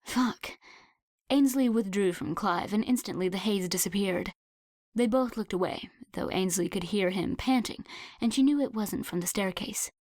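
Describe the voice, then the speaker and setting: A woman narrating a romance audiobook in an even, unhurried reading voice. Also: mid-range voice, no room sound, clean studio sound. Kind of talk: scripted narration.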